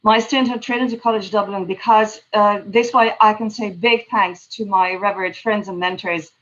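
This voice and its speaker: A woman's voice: medium pitch, fairly even intonation, normal speed, a bit bright. Gracious woman guest, polite thanks, dull lo-fi video call audio. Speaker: guest reader and singer.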